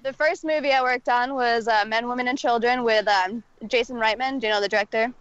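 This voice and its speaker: A woman's voice: a little high, fairly even intonation, fairly quick, fairly bright tone, muffled recording. A young woman, a guest actress, chatting casually on a podcast, telling stories with lots of "like" and giggles. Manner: storytelling, giggly, says "like" often.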